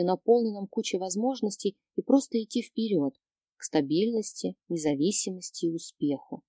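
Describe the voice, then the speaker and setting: A woman reads first-person audiobook narration at an even, measured pace. Her voice sits in a middle range. The sound is close and dry. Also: medium pitch, husky, no echo.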